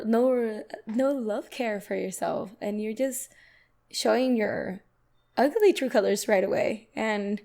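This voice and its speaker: A young woman hosting a reaction video, talking back to a clip in a lively, casual way and laughing often. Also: fairly high pitch.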